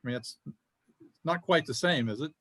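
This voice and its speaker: A man's voice: fairly high pitch, moderate pace, a bit bright, dry recording. Skeptical male judge, dry sound. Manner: skeptical, probing questioning. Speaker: appellate judge. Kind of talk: appellate oral argument.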